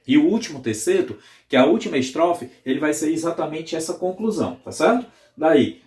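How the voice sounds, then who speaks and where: A man's voice: a little high, warm tone, reverberant. A male Brazilian literature teacher giving a recorded video lesson, explaining step by step and often checking in with his students. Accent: Brazilian Portuguese.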